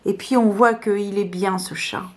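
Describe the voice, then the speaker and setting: A woman's voice: medium pitch, steady tone. A woman casually showing her favourite tarot cards, talking hesitantly with many fillers. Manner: slow, soft-spoken. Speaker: tarot vlogger.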